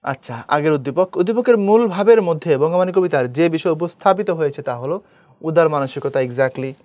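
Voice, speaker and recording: A man's voice: on the high side, no echo. A young man, teaching an exam-prep lecture and often checking that listeners follow.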